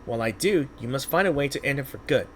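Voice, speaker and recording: A man's voice: mid-range voice, expressive, fast, slight background noise, lightly acted. A man voicing a solemn, resolute ancient woman guardian from a game in a grave, theatrical way. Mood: grave resolve.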